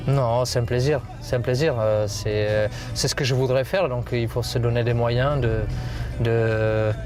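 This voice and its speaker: A middle-aged man talks haltingly about coaching young players. He restarts his sentences and fills the pauses. The voice sits at an ordinary pitch, and loud music plays under the outdoor recording. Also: steady tone. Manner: hesitant, many restarts and fillers. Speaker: footballer and youth coach. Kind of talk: casual interview.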